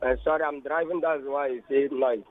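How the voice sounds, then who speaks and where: A man calling in to a radio show by phone from a moving car, speaking in an earnest, halting way. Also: medium pitch, fairly even intonation. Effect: phone call from a moving car. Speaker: radio call-in caller. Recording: band-limited phone line with road noise.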